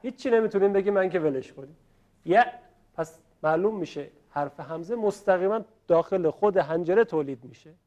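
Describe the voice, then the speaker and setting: A male teacher leads a classroom lesson on pronunciation, his voice sitting a little high. He explains patiently, pauses to check that the students follow, and voices each sound slowly to show it. The class recording sounds dull and lo-fi. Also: lively intonation, dark tone. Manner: demonstrates sounds by voicing them slowly.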